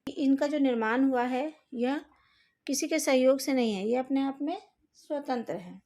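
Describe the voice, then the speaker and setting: A woman's voice: high-pitched, moderate pace, mellow. A woman teaching a recorded lesson, carefully sounding out each vowel and speaking directly to her students. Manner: speaks to students directly, asks them to fix slides. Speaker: Hindi teacher.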